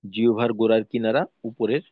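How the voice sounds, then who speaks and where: A man's voice: lowish voice, fairly even intonation, brisk, no room sound, narrow, tinny audio. A man teaching the pronunciation of Arabic letters in a lesson, patiently repeating his points and demonstrating each sound. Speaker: Quran recitation teacher.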